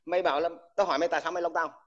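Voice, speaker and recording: A combative man, an army veteran, in a furious livestream rant. He hurls crude insults at the listener, speaking at a somewhat raised pitch, and stutters over repeated words when worked up. The recording is dull and lo-fi. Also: fairly even intonation, very fast, a bit bright.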